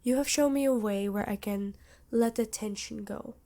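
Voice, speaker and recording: In an ASMR roleplay, a woman voices a centuries-old vampire queen who is regal yet motherly, protective and worried. Her soft, mellow delivery is formal and tender, moving in measured, pause-filled phrases at a fairly high pitch. It is lightly acted, with an earnest, confiding mood.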